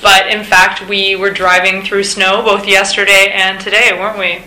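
A woman's voice: mid-range voice, flat delivery, moderate pace, sharp tone, roomy sound, a little hiss or hum, poor audio. A woman hosting an interview, speaking fluently and in a friendly way. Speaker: host, public engagement officer.

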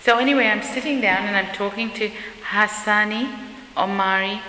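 Bright-voiced woman interviewer in an echoey room. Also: medium pitch, moderate pace. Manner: chatty, echoes answers back as questions. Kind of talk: casual conversational interview. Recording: echoey room, faint hiss.

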